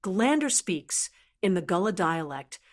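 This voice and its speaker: A woman's voice: fairly low pitch, big pitch swings, unhurried. A woman narrator reading a scripted introduction for an educational video.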